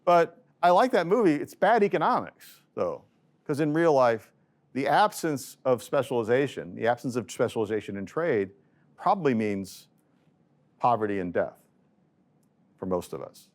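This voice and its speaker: Middle-aged male professor, mid-range voice, lively lecturer who jokes and acts out the arguments he quotes. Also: mid-range voice, moderate pace. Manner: lively, joking storyteller voicing quoted arguments. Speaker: economics professor. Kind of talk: classroom lecture.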